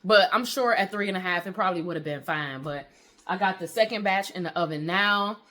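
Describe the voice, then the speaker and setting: A woman's voice: on the low side, brisk, a bit bright. A woman chatting casually in a home baking vlog, with lots of fillers, calling her viewers honey and y'all. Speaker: vlogger. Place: home kitchen.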